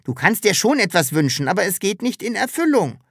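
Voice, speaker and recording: A woman voicing a cheeky, stubborn, childlike magical creature in an audiobook, with a high, bright voice and an insistent, excitable way of talking. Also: a little fast, dry recording, studio quality. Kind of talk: audiobook character reading.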